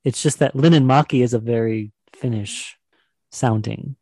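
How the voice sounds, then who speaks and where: A gravelly-voiced man hosts a casual podcast quiz, chatty and enthusiastic as he talks. His voice is close and dry, with no room around it, and he laughs easily between answers. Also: medium pitch, moderate pace, dark tone, no echo. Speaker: podcast co-host running a quiz. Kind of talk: casual chat.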